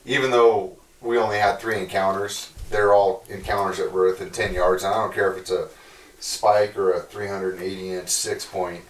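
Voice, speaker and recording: A man with a very low voice speaks earnestly, circling back over his words as he thinks. He sounds distant from the mic in an echoey room. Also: little pitch movement, moderate pace. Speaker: guest hunter. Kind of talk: casual reflection.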